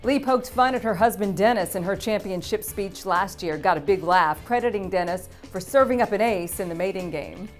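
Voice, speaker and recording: A woman's voice: medium pitch, moderate pace, few pauses, faint music behind. Polished woman reading sports news. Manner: upbeat, polished read with light quips. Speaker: news presenter. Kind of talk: scripted sports news narration.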